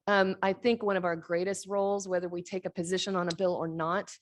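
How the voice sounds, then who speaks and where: A woman's voice: fairly low pitch, flat delivery, brisk, slight background noise. A middle-aged woman on commission staff giving a conversational workshop presentation, with frequent fillers.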